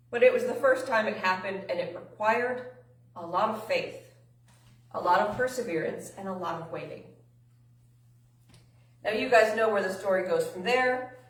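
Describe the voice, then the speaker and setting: A woman teaching a children's church lesson, reading scripture with energy and chatting to the kids in asides. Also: mid-range voice. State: a little out of breath. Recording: roomy, from a distance.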